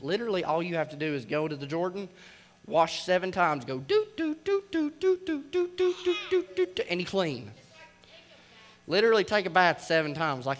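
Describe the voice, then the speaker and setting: A man's voice: a little high, a bit bright. A young man preaching a casual youth sermon, full of slang and playful sound effects. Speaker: kids' ministry preacher.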